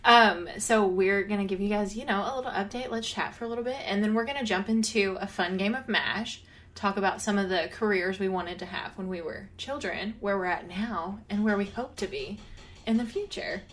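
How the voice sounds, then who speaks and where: A young woman co-hosts a casual chat podcast, giggling often and packing her speech with fillers like "um" and "like." Her mid-range voice is a little bright and fairly quick.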